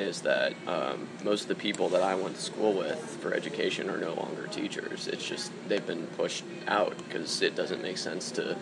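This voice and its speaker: Low, gravelly American man, casual radio guest. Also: noisy background. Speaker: radio guest, newspaper editor. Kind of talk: casual interview chat.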